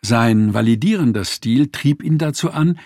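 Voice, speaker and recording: A man narrating a nonfiction audiobook in a lively, expressive reading style. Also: mid-range voice, normal speed, dry recording, studio quality.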